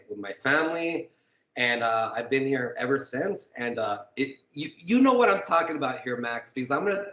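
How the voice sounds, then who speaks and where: A man's voice: mid-range voice, a bit bright, roomy sound, rough recording. A Texas-born man raised partly in Mexico, a guest on a podcast, talking in a laid-back, rambling way with lots of fillers. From Texas, USA, raised partly in Mexico. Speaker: podcast guest, metal sculptor. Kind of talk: casual interview chat. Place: home room with fans and air conditioning.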